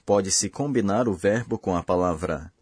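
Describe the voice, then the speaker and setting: A man hosting a language course, giving slow, careful, scripted explanations. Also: sits low, a little mellow, husky, dry recording, clean studio sound. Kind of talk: scripted lesson narration.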